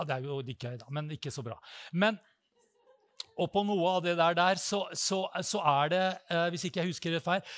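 A man preaching with a bright, forceful voice, recorded close and dry. He tells stories with lively energy and bursts into loud, high cries when acting out prayers. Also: no room sound. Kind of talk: sermon.

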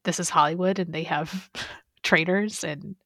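A woman's voice: on the low side, steady tone, a little slow, fairly bright tone, no room sound, clean studio sound. A young woman co-hosting a gaming podcast in casual, rambling, enthusiastic chat. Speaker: podcast co-host.

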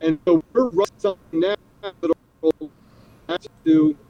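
A man's voice: sits high, very animated, unhurried, vocal fry, warm tone, dry recording, highs cut off. A man speaking urgently from a car while driving, his voice cutting in and out on a breaking-up video call. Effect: glitchy breaking-up video call. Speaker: guest. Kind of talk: political commentary.

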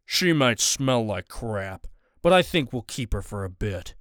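A man's voice: fairly low pitch, sing-song, a little slow, fairly bright tone, no echo, clean studio sound, voice pushed down. A man voicing a bald, leering thug who gloats. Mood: gloating.

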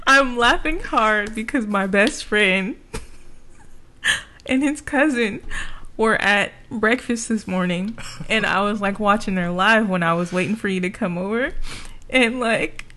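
Bright, slow-talking man in casual chat. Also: sits high. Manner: laid-back slangy talk, laughs easily.

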